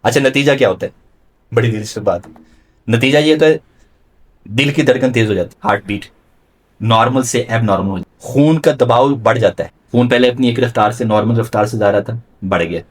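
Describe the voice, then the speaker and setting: A male religious scholar giving a classroom lecture, putting questions to his listeners and mixing English terms into his explanations. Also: medium pitch. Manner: quizzes the audience with questions and mixes in English terms.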